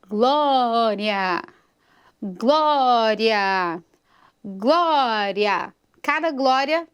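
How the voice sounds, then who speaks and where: A woman's voice: sits high, a bit bright. A woman teaching a singing lesson, patiently explaining phrasing and checking in with her students as she goes. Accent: Brazilian Portuguese. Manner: patient, explains slowly, checks in with "tudo bem?". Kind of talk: vocal lesson with sung examples.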